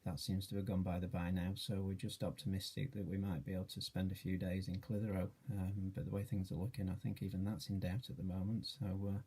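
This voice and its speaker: A man in his late forties from Yorkshire speaks in a low, gravelly and somewhat husky voice. He talks in a flat, even way, hesitant and modest, with plenty of ums as he introduces himself for a charity video. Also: brisk, few pauses. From Yorkshire, England. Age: 40s. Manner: hesitant, many fillers, modest. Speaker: charity trustee and treasurer.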